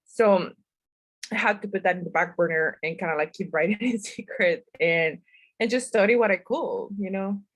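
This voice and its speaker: A guest writer from northern Mexico, a native Spanish speaker with a Mexican accent, answers interview questions chattily and self-deprecatingly, laughing often. Her mid-range voice moves at normal speed, with no room sound.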